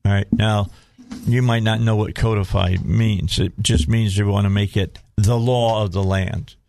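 A man's voice: on the low side, steady tone, normal speed, vocal fry, darkish tone. A man with a Southern US accent hosting a casual talk radio show in a folksy way, often repeating phrases as he goes.

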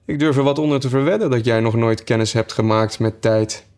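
A man's voice: mid-range voice, brisk, darkish tone, clean tone, natural voice. A man reading aloud, voicing a grumpy, scornful male hatter. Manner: cross, scornful.

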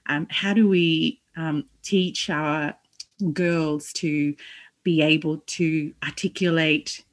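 A woman giving a reflective interview answer, earnest and halting as she searches for words. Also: deep voice, steady tone. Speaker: podcast guest.

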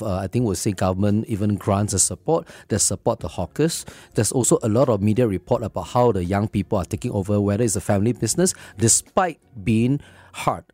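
A man's voice: on the low side, a little mellow, no echo. A man with a Singaporean accent, a film director answering questions as an interview guest in a conversational way.

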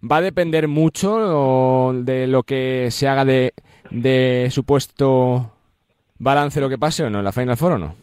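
A man's voice: medium pitch, unhurried, a little mellow, clean tone, no echo, studio quality. A man hosting a radio sports debate. He puts questions to his guests and hands the floor on. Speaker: radio host.

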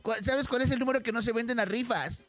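A man's voice: very high-pitched, fast talker, fairly bright tone, faint music behind. A man with a Mexican accent co-hosting a morning radio show, teasing and cracking jokes. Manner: teasing, wisecracking. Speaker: radio co-host.

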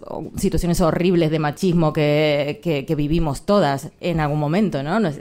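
An Argentine woman journalist, speaking as a guest in a live podcast interview, reflective and measured, pausing often to find her words. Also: low voice, dark tone.

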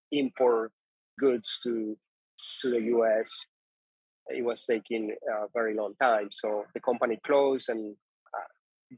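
A man's voice: mid-range voice, slightly rough, no echo, poor audio. A man from Colombia, speaking English as a second language, who tells his story as a guest in an interview, stopping often to restart and repeat words. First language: Spanish. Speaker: guest, coffee importer. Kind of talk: conversational interview.

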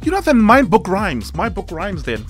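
A man's voice: high voice, wildly swooping pitch, normal speed, soft background music. A man co-hosting a radio show, bantering casually with playful boasts and protests.

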